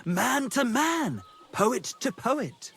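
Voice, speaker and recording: A man's voice: very high voice, sing-song, extremely slow, a bit bright, slightly rough, heavily acted. An actor playing a pompous, lovesick male troubadour poet in a video game, theatrical and scornful of anyone he thinks a boor. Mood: lofty. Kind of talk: video game cutscene acting.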